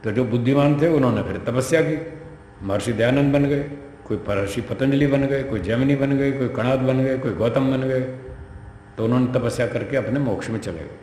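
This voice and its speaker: A man's voice: medium pitch, normal speed, darkish tone. A man gives a scripture lecture as a spiritual teacher, talking it through conversationally and acting out the dialogue. His voice rings around a large hall, with a long reverb tail. Faint background noise sits underneath. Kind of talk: lecture explaining a scripture to students.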